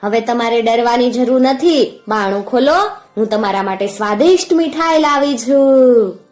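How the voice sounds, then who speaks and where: A sly, hungry wolf from a storybook, as a woman narrator puts it on, squeezing its voice up high and sweet to pass as a mother goat. The tone is syrupy and coaxing but snaps into barked threats. Faint music plays behind. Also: moderate pace, a little mellow, natural voice. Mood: sweetly coaxing. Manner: sugary coaxing, then barking threats.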